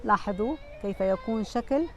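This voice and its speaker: A woman teaching a children's language lesson, speaking slowly and patiently and repeating each word several times. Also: mid-range voice, expressive, darkish tone. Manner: addresses pupils, pointing things out. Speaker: Arabic teacher.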